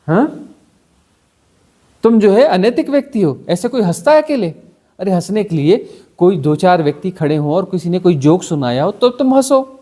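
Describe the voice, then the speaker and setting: High-voiced man giving a spiritual discourse. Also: normal speed. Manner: rhetorical questions, animated mocking examples. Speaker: spiritual teacher. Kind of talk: satsang discourse.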